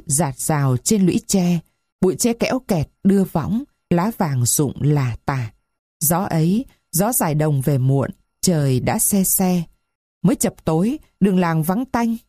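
A woman narrating a story aloud in a slow, somber reading style. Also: fairly low pitch, mellow, no echo, clean studio sound.

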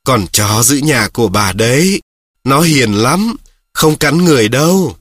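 A man's voice: mid-range voice, lively intonation, measured pace, a bit bright, breathy edge, no room sound, studio quality. A man voicing a kindly old village grandmother who scolds fondly in homely speech. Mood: fond, easygoing.

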